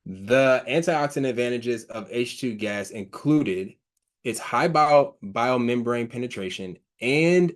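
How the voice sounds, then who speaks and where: A man giving an informal slide talk, reading research quotes aloud and explaining them haltingly, with frequent fillers, restarts and a stutter he mentions himself. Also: mid-range voice, expressive. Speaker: presenter on hydrogen health research.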